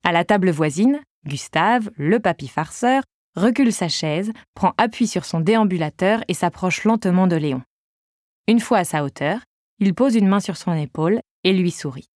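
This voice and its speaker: A woman's voice: fairly low pitch, animated, moderate pace, a little mellow, no echo, clean studio sound. A woman narrating a novel in the first person with a wry tone. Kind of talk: audiobook narration.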